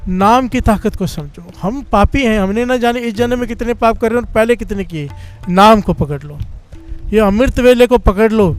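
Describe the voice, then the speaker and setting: A male preacher giving a sermon, telling stories and repeatedly calling on the congregation to respond. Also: high-pitched.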